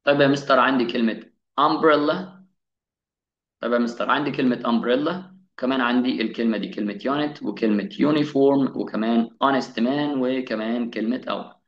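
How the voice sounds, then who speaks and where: A man with an Egyptian Arabic accent teaching an English grammar lesson. He asks his students questions, answers them himself, and slows down on each English example. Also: medium pitch. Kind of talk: classroom-style grammar lesson. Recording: echoey room, slightly dull sound.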